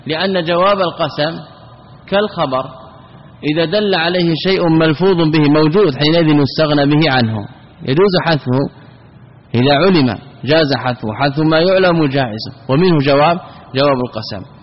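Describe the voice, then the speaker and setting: A man with a fairly high voice teaches a classical grammar lesson. He explains step by step and keeps asking questions that he then answers himself. The recording is dull and lo-fi, with a long reverb like a large hall. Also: fairly quick.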